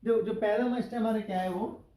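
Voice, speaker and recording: A man's voice: high-pitched, fairly even intonation, brisk, dark tone, echoey room, rough recording. A male English teacher giving a classroom grammar lesson, asking the class questions and spelling out example sentences word by word.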